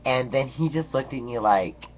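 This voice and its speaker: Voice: medium pitch, normal speed, a little hiss or hum. Sassy, dramatic storyteller on lo-fi video. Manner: sassy and dramatic, swears freely, keeps saying okay. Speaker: vlogger. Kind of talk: casual storytelling rant.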